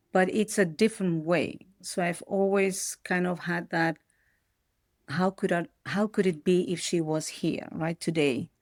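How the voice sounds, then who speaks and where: A middle-aged woman from Peru who grew up in the Netherlands is a podcast guest in a reflective personal interview, thinking aloud and often restarting her sentences. Her voice is lowish and darkish in tone. The sound is dry and clean, like a studio.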